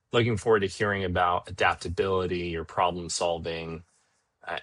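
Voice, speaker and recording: Deep-voiced male podcast host. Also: a bit bright, no echo. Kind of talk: podcast interviewing.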